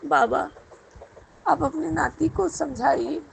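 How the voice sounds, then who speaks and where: Gravelly, high-pitched woman pleading in prayer. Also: takes it slowly, slight background noise, rough recording. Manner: pleading, repeatedly addressing the guru. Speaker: devotee sharing a personal prayer. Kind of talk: spoken devotional prayer.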